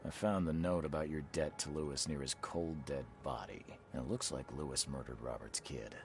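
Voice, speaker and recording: Very deep hard-boiled investigator. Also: male voice, fairly even intonation, a little fast, a little hiss or hum. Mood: stern pressure. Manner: terse, dry, pressing. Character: hard-boiled, intimidating male private investigator. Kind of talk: video game character acting.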